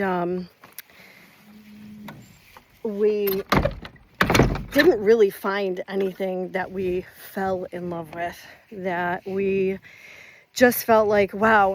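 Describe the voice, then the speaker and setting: A retired schoolteacher in her fifties strolls around her rural property and vlogs into a handheld camera. She talks slowly and loosely, rambling and drawing out her words. Her speech stays easygoing and chatty. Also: mid-range voice, fairly even intonation, a little hiss or hum. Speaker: retired teacher vlogger. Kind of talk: casual catch-up vlog.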